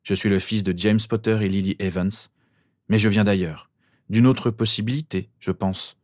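A man reader voices an earnest teenage boy in a plain, explanatory manner. His voice sits on the low side and is a little mellow and close to an everyday voice, with fairly even intonation and a normal speed, captured as a dry, clean studio recording.

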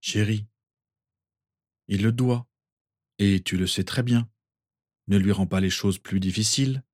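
A man voicing a fond father who speaks firmly but gently in a read-aloud story. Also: fairly low pitch, unhurried, no echo, studio quality, natural voice. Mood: gentle.

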